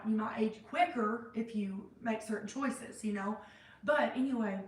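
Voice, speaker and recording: A woman vlogging in a casual, reflective way, rambling with many fillers and restarts, in a cold room indoors. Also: fairly high pitch. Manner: self-described hyper and sentimental. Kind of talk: casual reflective faith-based vlog. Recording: roomy sound, mic at a distance.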